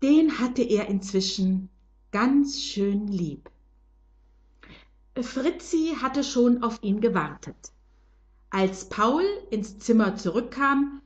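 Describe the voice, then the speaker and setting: An older woman slowly and gently narrating a children's storybook. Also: fairly high pitch, lively intonation, dull audio.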